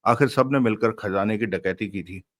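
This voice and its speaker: A man reads a crime novel aloud as an audiobook in a steady, even storytelling manner. His voice sits on the low side. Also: moderate pace, no room sound. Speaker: narrator.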